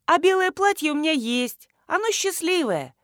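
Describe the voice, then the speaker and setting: Woman doing a giddy chirpy girlfriend, squeals high and bouncy. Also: moderate pace, no echo, clean studio sound. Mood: gushing. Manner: gushing, chirpy, high and excited. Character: bubbly chattering woman friend, bride-to-be.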